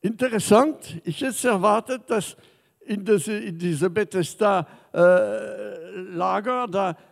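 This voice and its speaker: Slow high-voiced preacher in a reverberant hall. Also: male voice, vocal fry. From Madagascar. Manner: non-native German with small grammar slips, swings from soft to loud. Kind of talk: sermon. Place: church hall. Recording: long reverb of a church hall.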